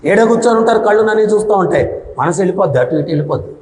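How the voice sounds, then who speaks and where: A man giving a devotional sermon to an audience, speaking loudly and often asking "hmm?" to check they follow. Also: high-pitched, expressive, rapid-fire, a little hiss or hum. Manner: loud, with frequent questioning "hmm?" to the audience. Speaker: spiritual discourse speaker. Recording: echoey hall reverb.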